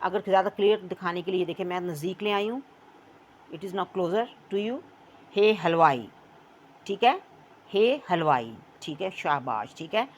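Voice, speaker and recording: A woman teaching a beginners' language lesson to children, patiently drilling words slowly for them to repeat and mixing in English phrases. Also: on the low side, lively intonation, a little hiss or hum. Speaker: Urdu teacher.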